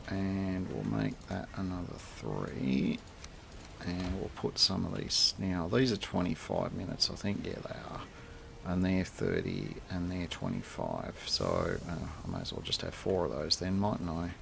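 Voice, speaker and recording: Aussie guy streaming a game, slow and rambly, kinda gravelly voice, talks to the critters. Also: low-pitched, sing-song, fairly bright tone, a little hiss or hum. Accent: Australian. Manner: rambling, thinks aloud, chats to game animals. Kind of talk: casual gameplay commentary.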